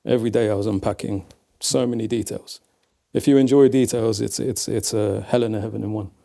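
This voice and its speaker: Male guest, Leicester English accent, low gravelly mellow voice, reflective storyteller. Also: steady tone, a little fast. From England. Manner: reflective, storytelling, says "man" often. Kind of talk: casual conversation.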